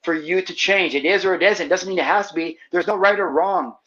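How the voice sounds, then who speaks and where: Heartfelt male guest with a high voice, talking casually and with feeling on a slightly muffled recording. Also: fairly quick, a bit bright, slight background noise. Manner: passionate and heartfelt, casual slangy speech. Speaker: podcast guest, manifestation teacher. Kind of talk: emotional personal storytelling in conversation.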